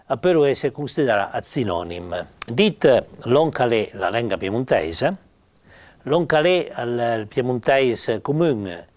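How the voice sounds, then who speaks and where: An older man with a Piedmontese accent, a writer, gives an informal spoken lesson on Piedmontese spelling. His mid-range voice is very animated, but he halts with many pauses and fillers.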